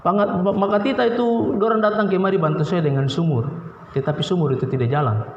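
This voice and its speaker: A male pastor with a Papuan Indonesian accent preaching a sermon, swinging from low pleading to sharp high outbursts, recorded in a church hall. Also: fairly quick, slight background noise. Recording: roomy, dull, reverberant church recording.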